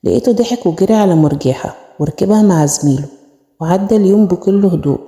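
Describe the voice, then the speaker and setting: A woman with an Egyptian accent narrating a first-person horror story in a brisk, plaintive way. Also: medium pitch, dark tone. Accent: Egyptian Arabic. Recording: echoey room with long reverb.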